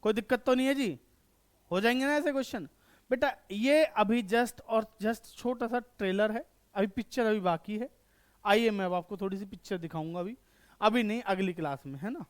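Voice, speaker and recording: A man teaches an online accountancy lesson in a very high, smooth, resonant voice. He fires quick questions at his students and answers each one himself, checking again and again that they follow. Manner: repeats checks for understanding. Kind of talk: online class lecture.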